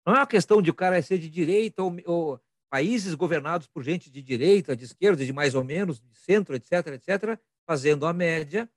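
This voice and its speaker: A man's voice: a little high, darkish tone, no room sound. A man in a casual podcast chat, arguing firmly and repeating his points for emphasis. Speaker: podcast co-host.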